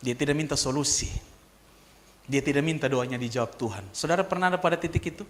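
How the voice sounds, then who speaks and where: High-voiced preaching man. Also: fast. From Kupang, eastern Indonesia. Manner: preaching with big swings from hushed whispers to shouted peaks; calls out questions for the congregation to answer. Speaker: pastor. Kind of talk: sermon.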